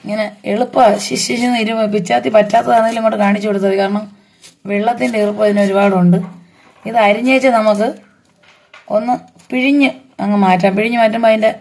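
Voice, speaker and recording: Hoarse homely woman cooking. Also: fairly high pitch, steady tone, quick pace, a little mellow, a little hiss or hum. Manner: chatty, homely explaining while working. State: hoarse from a blocked throat. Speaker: home cooking vlogger. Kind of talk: casual cooking vlog. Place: home garden and old dim kitchen.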